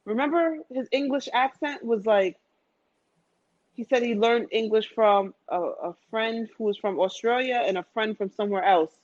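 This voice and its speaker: Chatting casually with a friend about travel, this woman speaks in a slightly mellow, fairly high voice at an ordinary pace. She's a podcast speaker who often repeats phrases for emphasis, and the recording has a dull, lo-fi quality.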